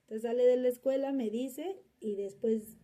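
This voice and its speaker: A woman's voice: on the high side, normal speed, dark tone. A woman, a mother answering interview questions in a rambling, casual way with many fillers and restarts. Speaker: mother of interviewee's subject child.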